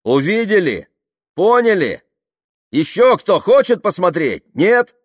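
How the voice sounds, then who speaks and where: A man voicing a tough, bossy middle-aged woman driver who shouts in a shrill voice. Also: normal speed, no room sound, studio quality, natural voice. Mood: shouting.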